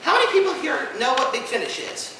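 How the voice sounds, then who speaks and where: An extremely high-pitched man with big swings in pitch talks fast while hosting an informal convention panel. He's also a podcast co-host and explains things with dry humor. The indoor panel room is echoey, the mic distant, and there's background noise.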